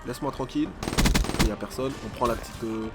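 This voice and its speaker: A gaming YouTuber gives excitable, slang-heavy live commentary over his own gameplay, swearing often and talking at his opponents. His voice is medium in pitch and fast, heard over music.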